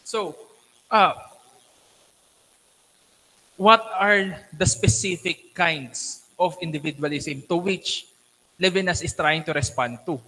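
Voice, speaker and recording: A man on a thesis panel, questioning critically in a deliberate, instructive academic manner. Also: fairly high pitch, sharp tone. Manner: deliberate, instructive, frequently checking with "okay". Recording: echoey hall with long reverb.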